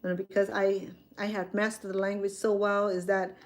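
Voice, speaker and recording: In her 60s and from Cambodia, this woman speaks Khmer while chatting casually with viewers on a phone live stream. She rambles and corrects herself as she goes, at normal speed with a medium pitch and level tone.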